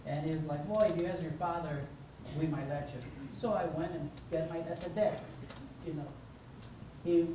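A middle-aged Mexican motivational speaker, a native Spanish speaker with a Mexican accent, tells his life story to a seated conference-room audience, animatedly acting out dialogue. His voice is a little high, and the far-off audience camera picks up echo and background noise.

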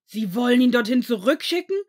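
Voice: medium pitch, brisk, lightly acted. A reader voicing an angry, protective male potions master in a fan fiction audiobook, cutting and indignant. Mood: furious. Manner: cutting, indignant, shouting at times.

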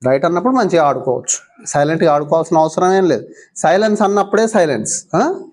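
A visiting mindfulness teacher with a Telangana Telugu accent coaxes young schoolchildren in a classroom with a stream of short questions. Her voice sits on the low side and is a little mellow, and she speaks fast and expressively.

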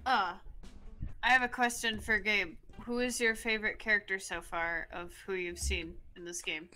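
A woman's voice: medium pitch, fairly even intonation, moderate pace, pushed and bright, soft background music. A woman chatting casually as a player and co-host on a game stream. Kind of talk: casual chat.

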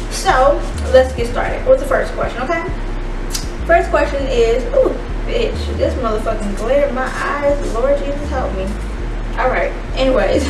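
A young woman with a fairly high voice, talking sassily as a vlog host. Her words come out muffled and slurred, like a mouth full of gauze. The room echoes around her and the mic sits at a distance. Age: young adult. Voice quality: muffled, slurred speech as if mouth stuffed with gauze, from new braces. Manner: sassy, animated. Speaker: YouTube advice host. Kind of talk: casual, profane slangy chat to camera. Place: indoor studio with plain backdrop. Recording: roomy, distant mic with clear noise.

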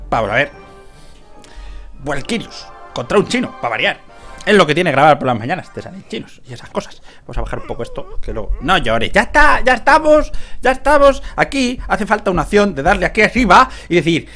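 A man from Spain giving casual gameplay commentary, excitable, shouting at the game, cursing and laughing as he plays. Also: medium pitch. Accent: Spain Spanish. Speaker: gaming youtuber.

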